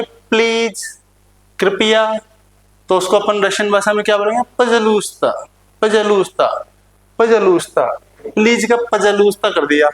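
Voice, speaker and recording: A man teaching a playful lesson to students, repeating words slowly and joking with them. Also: sits high. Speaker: language teacher. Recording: echoey room.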